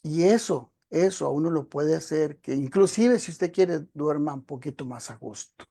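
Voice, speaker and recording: A man's voice: fairly high pitch, normal speed, gravelly, mellow. A male preacher giving a teaching sermon, explaining a passage step by step and often addressing the congregation directly. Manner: explanatory, addresses listeners as brothers and sisters.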